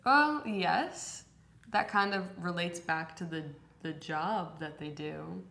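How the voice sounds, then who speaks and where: A young woman co-hosting a podcast in relaxed casual chat, explaining slang. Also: fairly low pitch, slow pace, creaky, reverberant. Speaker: podcast co-host.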